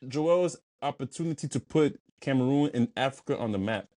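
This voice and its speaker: A man's voice: medium pitch, expressive, brisk, dark tone. A man in a casual podcast debate who brings up counterexamples and lets a point go readily. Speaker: podcast co-host.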